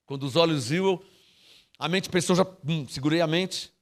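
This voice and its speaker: A man's voice: a little high, moderate pace. A man with a Brazilian Portuguese accent preaching a sermon as pastor, emphatic and calling on the congregation to answer him. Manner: emphatic, calls on the congregation for responses.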